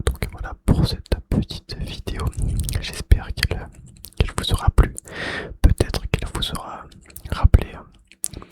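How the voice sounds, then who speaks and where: An ASMR video creator and host whispers softly, his breathy, unvoiced voice accompanied by mouth sounds as he gently repeats phrases.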